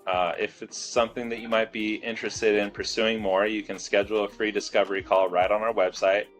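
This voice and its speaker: Man, low voice, interview guest, casual, filler-heavy, faint background music. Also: fairly quick. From Southern California. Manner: relaxed, many fillers. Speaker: fitness studio owner, guest.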